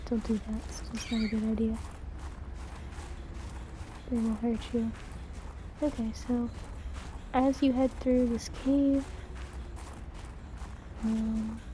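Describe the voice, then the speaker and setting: A woman's voice: fairly high pitch, mellow, slight background noise. A woman hosting a video game walkthrough with informal, step-by-step commentary and instructions. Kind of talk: casual gameplay commentary and instructions. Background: game sound.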